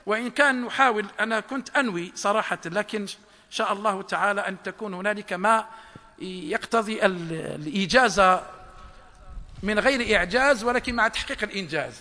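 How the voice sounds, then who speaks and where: A man delivering an impassioned sermon in a very high, piercingly bright voice. He surges into shouts at his key lines and stumbles through restarts and repeated phrases. His voice rings out with a long reverb off a hall. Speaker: preacher. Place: lecture hall.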